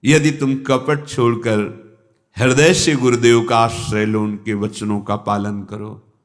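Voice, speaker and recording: A man's voice: medium pitch, level tone, takes it slowly. A man who is a spiritual teacher gives an earnest, pleading devotional discourse with emphatic rises.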